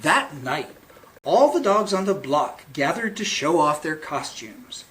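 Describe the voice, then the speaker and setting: A man reading a picture book aloud to children as a librarian at storytime, with theatrical, deliberate phrasing. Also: a little high, very animated, a bit bright.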